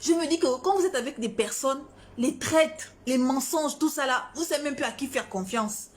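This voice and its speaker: A woman's voice: high voice, normal speed. A woman from Gabon, a singer, delivering a defiant, confrontational social media rant, repeating her points for emphasis.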